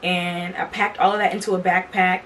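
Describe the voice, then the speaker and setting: A woman's voice: on the low side, little pitch movement, normal speed, a bit bright, far from the mic, rough recording. A young woman hosting a podcast, telling a personal story in a candid, profane, chatty way. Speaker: podcast host. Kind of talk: casual storytelling monologue. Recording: from the mic, faint background noise.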